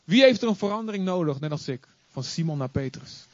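A man preaching an animated sermon to a congregation, acting out stories and asking the listeners to join in. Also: a little high, a little fast, no room sound. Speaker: pastor. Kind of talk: lively sermon. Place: church before a congregation. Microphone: recorded live. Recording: slightly muffled, dry.

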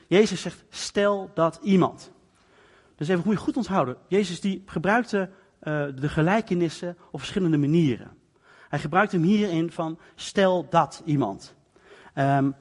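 A male preacher explains scripture in a loose, conversational sermon, stepping into the story's scenes as he goes. His voice sits high for a man. The sound carries the long reverb of a large hall. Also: breathy edge.

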